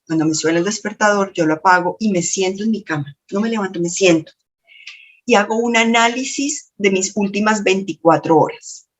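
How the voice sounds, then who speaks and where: A woman lecturer and coach with a slightly shrill voice, telling stories expressively in a motivational lesson to camera. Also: normal speed. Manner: expressive, storytelling with lots of self-talk.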